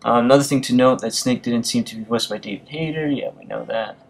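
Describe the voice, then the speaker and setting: A man's voice: mid-range voice, quick pace, low-quality recording. A man casually narrating gaming news and reading articles aloud, hesitating often with fillers and restarts. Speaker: gaming video commentator.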